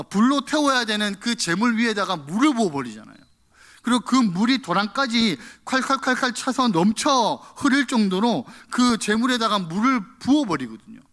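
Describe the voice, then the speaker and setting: A man's voice: high-pitched, pushed and bright. A male pastor preaching a sermon in church, acting out the quoted prayers in a raised voice.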